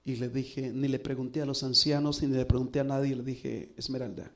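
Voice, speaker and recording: A middle-aged pastor preaching, telling a personal story earnestly with dramatic pauses. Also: male voice, medium pitch, level tone. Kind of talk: sermon storytelling.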